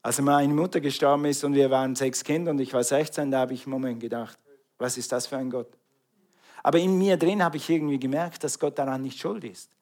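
A middle-aged man from Switzerland with a Swiss German accent, preaching an animated sermon and calling out to the congregation. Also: medium pitch, a little fast.

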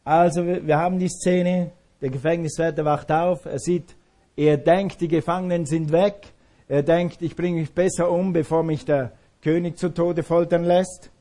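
A man's voice: fairly high pitch, steady tone, normal speed, warm tone. A male pastor preaching a sermon, emphatic and repeating his key phrases.

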